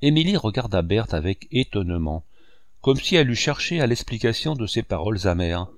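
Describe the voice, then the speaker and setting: Male novel narrator, expressive reading, lower voice, dry recording. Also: a little fast, dry recording. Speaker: audiobook narrator.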